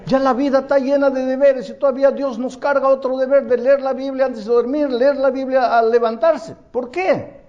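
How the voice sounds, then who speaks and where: A man's voice: high voice, highs cut off. A man preaching a sermon as a pastor, telling stories with many questions and homely asides. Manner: animated, questioning, folksy storyteller. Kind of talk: sermon with storytelling.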